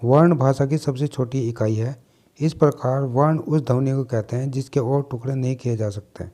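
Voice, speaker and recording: A man gives a grammar lesson in a warm, mellow voice at a middling pitch. He reads his notes at an even, steady rate and names the letters one by one. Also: normal speed. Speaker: teacher.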